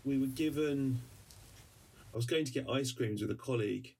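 A man's voice: medium pitch, normal speed, vocal fry, dark tone, slightly rough, distant mic. A man co-hosting a podcast, telling a personal story in a rambling, hesitant way with many restarts. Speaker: podcast co-host; journalist. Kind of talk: casual conversational storytelling.

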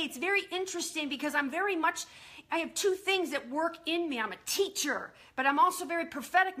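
A woman preacher teaching on prayer in a live-streamed sermon, talking fast and earnestly and quoting scripture. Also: high voice, bright, forceful tone.

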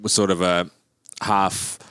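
A man chats casually as podcast host, rambling with plenty of ums. His voice is low and smooth, recorded dry and close. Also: little pitch movement, slow, fairly bright tone, no room sound. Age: 30s. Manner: chatty, rambling, many ums.

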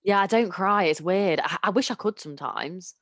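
A woman's voice: lowish voice, moderate pace, a crowd in the background. A woman chatting on a podcast, rambling and self-deprecating. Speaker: podcast co-host. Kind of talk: casual chat.

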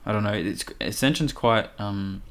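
A man analysing horse races casually, in a halting, hesitant manner. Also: fairly low pitch, fairly bright tone. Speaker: racing podcast tipster. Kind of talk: casual analytical racing chat.

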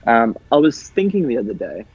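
A young Australian man co-hosting a comedy podcast, riffing absurd ideas in a rambling, deadpan way. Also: medium pitch, brisk, husky, muffled recording. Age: young adult. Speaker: podcast co-host. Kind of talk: casual comedy chat.

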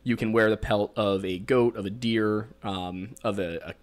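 Lower-voiced man with a Pennsylvania accent. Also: fairly even intonation, normal speed. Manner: rambling, joking, explaining folklore with many fillers. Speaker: podcast host. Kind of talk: casual podcast chat.

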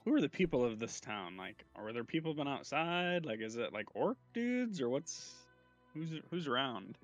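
A man's voice: medium pitch, big pitch swings, normal speed, faint music behind. A man playing a tabletop game, who rambles, hesitates and swears casually. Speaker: player.

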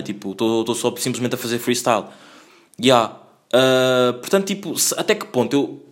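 A man's voice: mid-range voice, fairly bright tone. A man with a European Portuguese accent hosting a casual solo podcast, rambling in slang with constant fillers and restarts. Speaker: podcast host.

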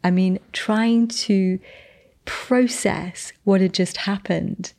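Woman, earnest testimony, gravelly tone, halting restarts. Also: mid-range voice, fairly even intonation, a little mellow. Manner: earnest, hesitant restarts, slows for emphasis; descendant of the Boleyn family telling a spiritual encounter. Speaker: guest sharing a testimony. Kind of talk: storytelling testimony.

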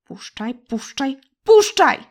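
A woman voicing a small, scrappy red-haired girl in an audiobook, high and excitable. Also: normal speed. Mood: furious. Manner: high, excitable and tearful when upset. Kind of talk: audiobook character voice.

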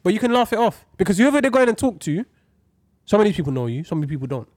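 A man's voice: high voice, very animated, racing, a little mellow, no echo, studio quality. A young man with a London roadman accent chatting casually in slang, emphatic and repeating his points.

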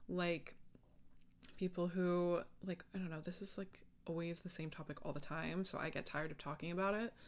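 A woman's voice: fairly low pitch, fairly even intonation, moderate pace. A woman podcast host chatting casually on her own in a rambling way, often interrupting herself and leaning on filler words. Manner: rambling, self-interrupting, filler-heavy speech. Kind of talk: casual solo podcast chat.

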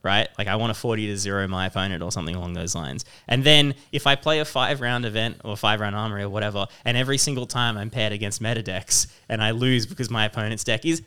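A man's voice: fairly low pitch, fast talker, few pauses, sharp tone, smooth. A man co-hosting a podcast, rambling in casual chat, self-mocking and laughing a lot. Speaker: podcast co-host.

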